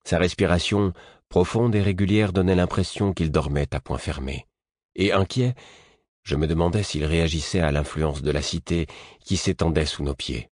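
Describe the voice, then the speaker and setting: A man reading a first-person audiobook in a measured, even storytelling manner. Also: low voice, no room sound, clean studio sound. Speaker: audiobook narrator. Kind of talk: scripted first-person narration.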